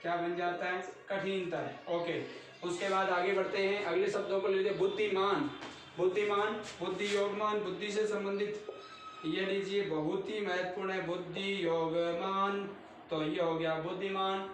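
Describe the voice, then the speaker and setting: A man's voice: high voice, steady tone, moderate pace, fairly bright tone, faint music behind. A man teaching Hindi grammar in a class, repeating each word and quizzing his students as he goes. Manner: repetitive, drills each word with quiz questions to students. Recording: very echoey room, mic far off.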